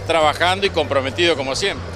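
A man's voice: on the high side, fast talker, background noise. An older man with an Argentine accent, interviewing as a field reporter with a handheld microphone. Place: indoor exhibition hall at a farm show. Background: music.

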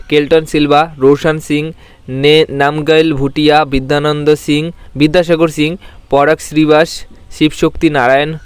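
A man reading long squad lists as a voice-over, stumbling over names with restarts and filler pauses. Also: fairly high pitch, clear, resonant tone, dry recording. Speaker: YouTube sports channel host.

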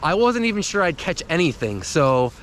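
With a camera worn or handheld close by, a young fishing vlogger on a snowy winter riverbank offers relaxed commentary, pondering each catch aloud. His slightly high, bright voice has a sing-song lilt and moderate pace, over a little hiss or hum.

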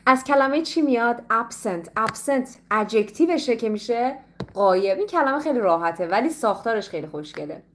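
A Persian-speaking woman teaching English in a playful, lively way, slowing down carefully whenever she speaks English. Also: on the high side, a little hiss or hum. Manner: switches between Persian and slow, carefully spoken English. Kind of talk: live online English lesson.

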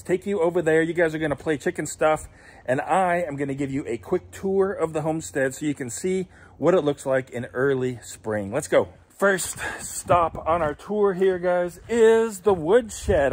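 A man in his forties with an American accent, chatting casually as he walks a homestead tour, filmed outdoors on a phone held at arm's length. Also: fairly high pitch. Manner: relaxed, chatty, explaining as he goes. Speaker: homestead vlogger. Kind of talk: casual walking tour vlog.

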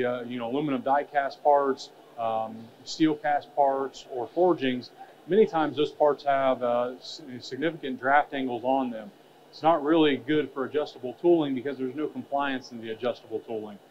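A man's voice: medium pitch, steady tone, normal speed. A man in his thirties giving a trade show presentation on a stage, talking with many fillers and restarts. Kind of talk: conference presentation. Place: expo stage with curtained backdrop. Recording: dull lo-fi sound with faint hall noise.

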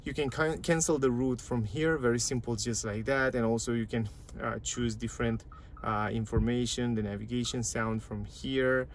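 In a parked car, a man who reviews cars casually shows off the dashboard and touchscreen menus, talking a lot and repeating phrases in non-native grammar. His voice is medium-pitched with fairly even intonation and a moderate pace, and a little hiss or hum can be heard.

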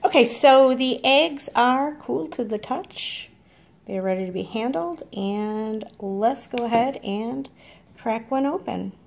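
With a creaky, rather high voice, a farm vlogger speaks slowly but with lively intonation as she cooks in her home kitchen. She holds her phone to film herself, chatting casually, rambling and correcting herself along the way.

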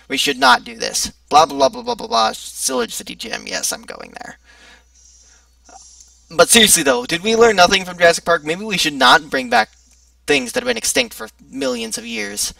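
A man's voice: extremely high pitch, expressive, brisk, vocal fry, pushed and bright, dry recording, distant mic. A young man giving sarcastic, joking commentary while playing a video game. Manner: joking, sarcastic, chatty asides. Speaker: let's play gamer. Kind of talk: casual gameplay commentary.

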